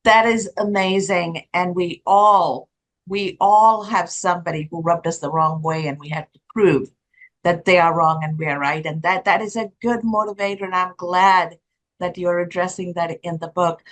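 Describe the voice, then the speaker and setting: A woman from Sri Lanka, hosting an interview and making her points earnestly and deliberately. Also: lowish voice. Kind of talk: interview questions.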